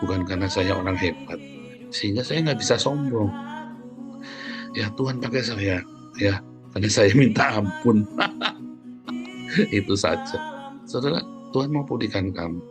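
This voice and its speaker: A man preaching a sermon in a conversational, animated way, often turning to address his listeners directly. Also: fairly low pitch, moderate pace, pauses often, music in the background.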